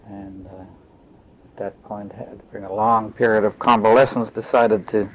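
Older man, flat low voice. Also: slightly rough. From Austria. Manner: measured, matter-of-fact, pauses to search for words. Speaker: interviewee. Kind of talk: oral history recollection. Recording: dull lo-fi tape recording.

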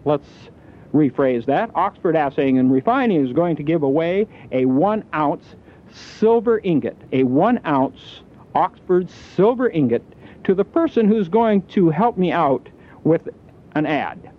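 A genial radio host with a fairly high voice runs his call-in show in an easy, chatty manner, dropping in frequent fillers as he talks. His broadcast comes through thin and tinny, like an old phone line. It has the sound of a small station studio. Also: lively intonation, measured pace. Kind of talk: on-air call-in radio giveaway patter.

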